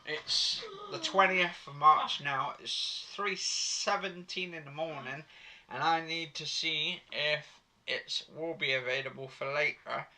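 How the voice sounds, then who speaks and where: A young man hosting a train game channel, giving animated, exclamation-filled gameplay commentary. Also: fairly high pitch, slow. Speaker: gaming channel host. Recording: train game noise behind.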